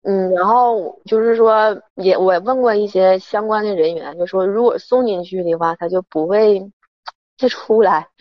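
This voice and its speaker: A woman's voice: mid-range voice, no room sound. Frightened woman caller, muffled. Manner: hesitant, halting, many restarts.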